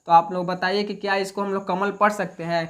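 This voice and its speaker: A man's voice: sits high, level tone, a little fast, fairly bright tone. Man teaching English, asking his own questions. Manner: repetitive, plain classroom talk. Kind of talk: spoken English lesson explained in Hindi.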